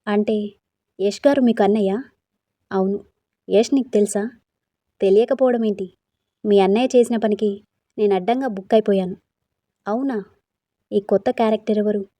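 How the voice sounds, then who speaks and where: Woman narrating a story, warm mellow tone, dry mic, same voice for everyone. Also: medium pitch, dry recording. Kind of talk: narrating a story, voicing all the characters.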